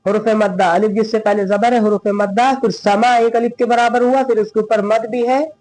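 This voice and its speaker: High-voiced man teaching Quran recitation. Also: fairly even intonation, a little mellow, poor audio. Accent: Indian Hindi-Urdu. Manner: patient, asks questions and answers them himself; slow, drawn-out recitation of verses. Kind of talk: recitation lesson.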